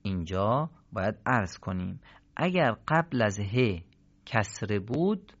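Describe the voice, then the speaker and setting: A man teaching the rules of Quran recitation in a radio lesson, patiently explaining and drawing out example words slowly. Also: fairly low pitch, lively intonation, highs cut off.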